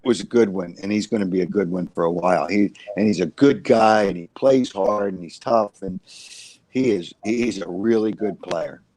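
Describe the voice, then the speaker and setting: A man's voice: low voice, brisk, few pauses, a little mellow, no echo, rough recording. A man talking through football analysis as a co-host, rambling and repeating himself with frequent uhs. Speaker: sports co-host. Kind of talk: casual sports analysis chat.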